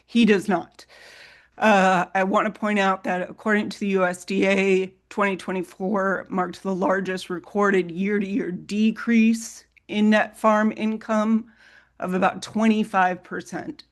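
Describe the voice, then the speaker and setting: A woman's voice: medium pitch, little pitch movement, measured pace. Woman with a trembling, wobbly voice. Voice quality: trembling, wobbly voice from a vocal cord tremor. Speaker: resident testifying at a hearing. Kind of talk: public testimony.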